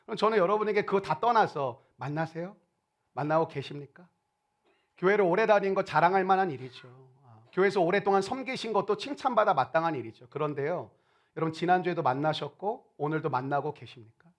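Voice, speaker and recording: A male pastor preaching a sermon in an animated way, acting out quoted people in playful voices. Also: high-pitched, a little fast.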